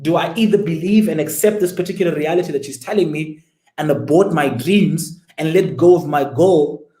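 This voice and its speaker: A man's voice: a little high, moderate pace, mellow, echoey room, low-quality recording. A man, telling his story as an interview guest and pressing listeners with rhetorical questions. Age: 20s. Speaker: guest entrepreneur.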